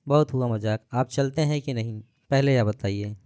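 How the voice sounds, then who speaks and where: A man's voice: medium pitch, moderate pace, a little mellow, clear, resonant tone, dry recording, close to an everyday voice. A cheerful young sister-in-law who coaxes and jokes with an easy lightness, voiced by a man narrating a story. The sound is close and dry, with no room around it. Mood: coaxing.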